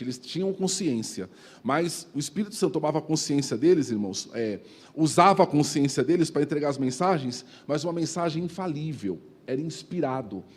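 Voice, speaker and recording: A pastor preaching a sermon in a teaching tone, often addressing his listeners as brothers and asking "ok?". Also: fairly high pitch.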